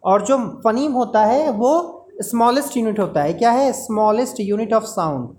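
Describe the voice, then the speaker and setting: Woman lecturer, higher voice, patient step-by-step explainer. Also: a little slow, a little mellow. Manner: explains step by step, repeats key terms, asks rhetorical questions. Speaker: teacher. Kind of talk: classroom lecture.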